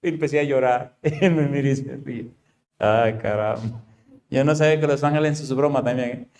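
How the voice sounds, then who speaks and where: A male pastor preaching a sermon, hammering his congregation with repeated rhetorical questions and swinging between loud, high outbursts and slow, low statements.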